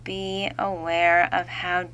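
A woman leading a guided relaxation, speaking in a soothing, hushed way. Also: fairly low pitch, level tone, slow, a little hiss or hum, poor audio. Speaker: meditation guide.

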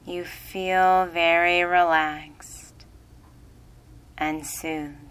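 A woman leading a guided relaxation, speaking in a soothing, hushed way. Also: on the low side, little pitch movement, drawn-out words, smooth. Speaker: meditation guide.

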